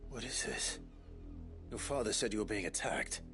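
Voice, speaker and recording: A man playing a brooding, defiant young warrior in a video game, stern and deliberate in manner. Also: lowish voice, fairly bright tone, faint music behind, lightly acted. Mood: confused, appalled.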